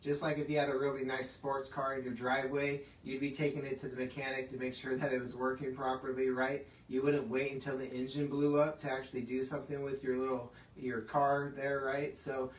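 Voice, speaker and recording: A man's voice: medium pitch, little pitch movement, brisk, hardly any pauses. A man hosting a casual health talk from his clinic, chatty and laughing often, with plenty of fillers. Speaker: chiropractic clinic host. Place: clinic room. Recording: echoey room, mic at a distance, faint hiss.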